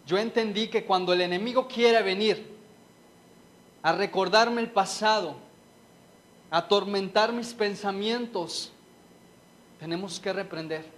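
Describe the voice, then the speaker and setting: High-voiced man preaching earnestly. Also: fairly even intonation, measured pace, long pauses, a bit bright. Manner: earnest, emotional, speaks to listeners directly. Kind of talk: sermon with personal testimony.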